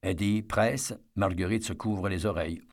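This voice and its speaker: Gravelly low-voiced male narrator. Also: normal speed. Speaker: audiobook narrator. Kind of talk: scripted narration of a novel.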